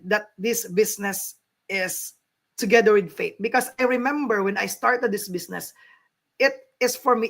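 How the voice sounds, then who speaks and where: Woman host on a video-call livestream, encouraging, repeats herself for emphasis, mid-pitched. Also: fairly bright tone. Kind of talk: casual livestream chat.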